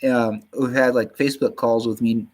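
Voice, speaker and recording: A man in his fifties with a slight Southern drawl, chatting casually on a livestream in a halting way full of fillers and restarts. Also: mid-range voice, steady tone, a little mellow, low-quality recording. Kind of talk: casual rambling chat.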